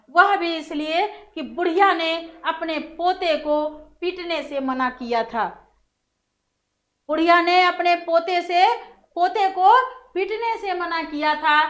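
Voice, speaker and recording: A woman's voice: high voice, a bit bright. A woman teacher explaining a story lesson, repeating and rephrasing each line as she goes.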